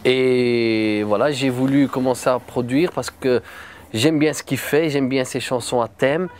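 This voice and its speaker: A man's voice: medium pitch, steady tone, a little slow, slight background noise. A man who runs a production company, talking casually about an artist he produces. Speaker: music producer. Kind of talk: interview answers.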